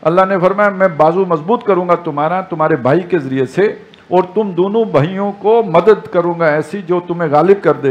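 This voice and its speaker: A man's voice: high-pitched, lo-fi sound. A man giving a Quran lesson, reciting Arabic verses and explaining each one in Urdu. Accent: Pakistani Urdu. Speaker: Quran teacher.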